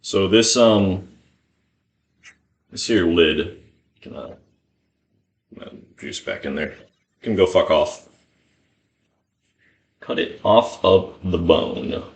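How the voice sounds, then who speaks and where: A man's voice: deep voice, slow pace, long pauses. A man rambling casually as he cooks, swearing freely and muttering to himself. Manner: foul-mouthed, muttering to himself. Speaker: home cook filming himself. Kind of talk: casual rambling cooking chat. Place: indoor kitchen. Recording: roomy, echoey indoor sound.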